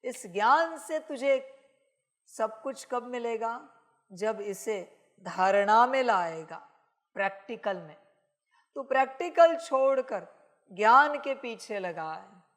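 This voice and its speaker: A woman's voice: fairly high pitch, lively intonation, slow pace, long pauses, a bit bright. A woman giving a channeled sermon, speaking as a divine father to her children, scolding them with emphatic rhetorical questions. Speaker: spiritual messenger.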